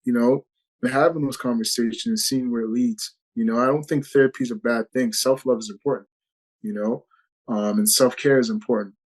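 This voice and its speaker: A man speaks in a mid-pitched voice as a guest on a video call. He sounds earnest and reflective and often trails off with "you know." He talks loosely, as in casual conversation. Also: steady tone, fairly quick, low-quality recording. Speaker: actor guest.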